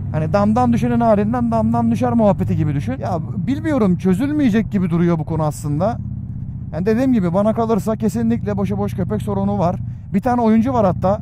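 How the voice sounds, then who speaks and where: A man talking casually from inside a helmet as he rides, exasperated and colloquial, full of rhetorical questions. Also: high voice. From Turkey. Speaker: motorcycle vlogger. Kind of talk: casual opinion monologue while riding. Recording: helmet mic with clear road and engine noise.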